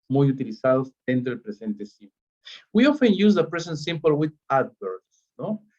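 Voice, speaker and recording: A man with a Peruvian Spanish accent teaching an English grammar lesson, who keeps checking in with "ok?" and says the English examples slowly. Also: medium pitch. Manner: checks in constantly with "¿ok?" and "¿no?". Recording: dull lo-fi recording.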